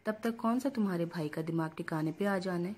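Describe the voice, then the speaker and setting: A woman's voice: fairly low pitch, a little mellow, slightly rough. A woman reading the lines of a spiteful, jealous young woman cousin in a storybook reading, with a venomous, snapping tone.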